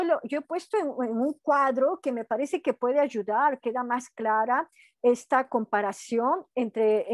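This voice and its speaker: This woman, originally from Peru with Quechua heritage and now based in Brazil, teaches a university class online in a chatty way, often checking in with a "¿no?". She has a fairly high, darkish voice. The video-call recording is dry.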